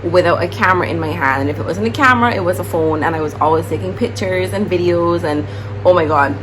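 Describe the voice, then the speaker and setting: This is a young woman from Barbados, a teacher talking casually to her vlog audience. She rambles in an easy, chatty way with plenty of fillers, in a slightly low voice. The recording has a clear layer of noise behind her. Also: fast.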